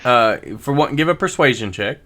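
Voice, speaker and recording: A man's voice: medium pitch, expressive, moderate pace, sharp tone. A man running a tabletop game as game master, explaining things in an easygoing way.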